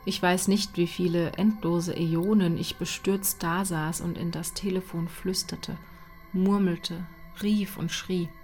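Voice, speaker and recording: Slow, whispering woman horror reader. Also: lowish voice, little pitch movement, faint music behind. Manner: slow, hushed, sinking to whispers. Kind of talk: dramatic horror story reading.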